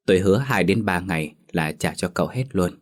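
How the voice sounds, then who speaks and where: A man reading a poor middle-aged gambler, timid, deferential, deep voice, storybook. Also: lively intonation, fairly quick. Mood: pleading.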